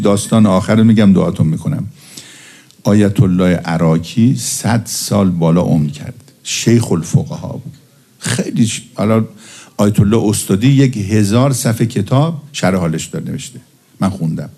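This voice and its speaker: A man's voice: lowish voice, warm tone. A man preaching a religious sermon and telling jokes with a storyteller's timing. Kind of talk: religious sermon with humorous anecdotes.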